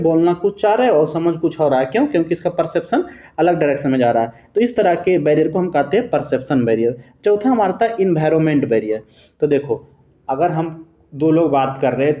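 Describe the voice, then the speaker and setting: In an echoey room, a man with a fairly high, mellow voice teaches an exam-prep lesson on multiple-choice answers. He explains step by step, quizzes students with rhetorical questions, and sometimes corrects himself mid-sentence.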